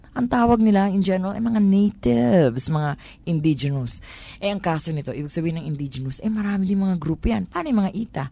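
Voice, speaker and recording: A woman's voice: fairly low pitch, darkish tone, dry recording. A woman with a Manila Tagalog accent explains conversationally on a talk program, posing rhetorical questions and switching between Tagalog and English. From Manila, Philippines.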